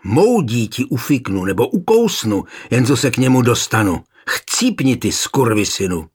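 A man's voice: mid-range voice, very animated, husky. A man reading an audiobook voices a defiant, scheming young noblewoman held captive, spitting insults at her husband.

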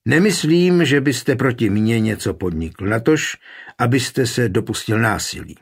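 Man doing a plump, shrewd town burgomaster, husky and unflappable, in a storybook reading. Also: mid-range voice, lively intonation. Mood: cool. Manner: composed, sly, lawyerly. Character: shrewd, calm, short plump male burgomaster. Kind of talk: audiobook character voice.

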